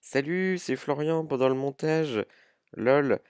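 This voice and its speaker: A man's voice: a little high, slow, darkish tone, clear, resonant tone, dry recording, clean studio sound. A man recording a jokey, mock-serious voice-over while editing his vlog. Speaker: vlogger. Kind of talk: voice-over added during editing.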